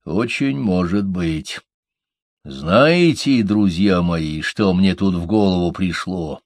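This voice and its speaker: A man voicing a calm, deliberate male dwarf who weighs his words. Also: low-pitched, no room sound, clean studio sound, full character voice. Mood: pondering.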